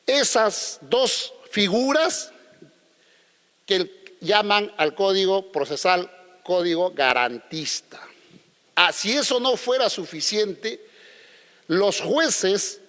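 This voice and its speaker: High-voiced combative man in a hall. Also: a bit bright. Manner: combative, with frequent rhetorical questions. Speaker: lawyer speaking at a legal conference. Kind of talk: conference talk.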